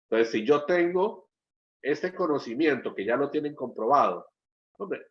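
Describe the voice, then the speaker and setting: A middle-aged man from Colombia presents an export training webinar in a medium-pitched voice. He keeps checking in with his listeners and repeats words while he hunts for the next one. The audio sounds dull and lo-fi, like a typical online webinar.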